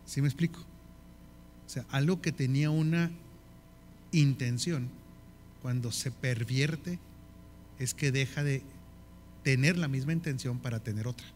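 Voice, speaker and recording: A leadership course is taught sermon-style by a man with a northern Mexican Spanish accent who often checks with his audience and lists things in repeated phrases. His voice is medium in pitch, with a little hiss or hum on the recording.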